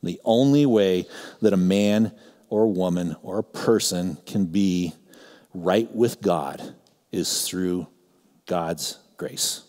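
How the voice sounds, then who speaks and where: A middle-aged man pastor giving a conversational teaching sermon, moving between emphatic points and quiet asides. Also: sits low, slow pace. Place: church sanctuary. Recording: long church reverb.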